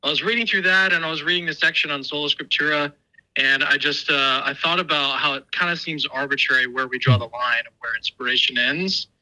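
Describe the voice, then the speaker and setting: A man's voice: on the high side, fairly even intonation, fairly quick, pushed and bright, rough recording. A man calling in to a show and heard over a speakerphone, talking thoughtfully and hesitantly with many fillers. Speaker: guest calling in. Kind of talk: casual call-in conversation. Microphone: phone call played over speakerphone.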